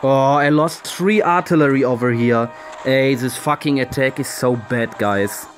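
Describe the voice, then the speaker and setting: A young man with a German accent narrates his own strategy game in a casual, exasperated way, swearing often and speaking straight to his viewers. His voice sits at a middle pitch, and faint music plays underneath. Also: unhurried. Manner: frustrated, swearing, talks to viewers. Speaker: game commentator. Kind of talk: casual gameplay commentary.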